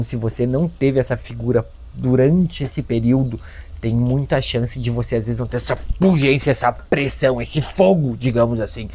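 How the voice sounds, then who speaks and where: A Brazilian man giving a self-help talk, animated, acting out parents and children in his stories. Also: medium pitch, slight background noise. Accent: Brazilian Portuguese. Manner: lively storyteller, acts out voices of children and parents. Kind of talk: lecture with acted anecdotes.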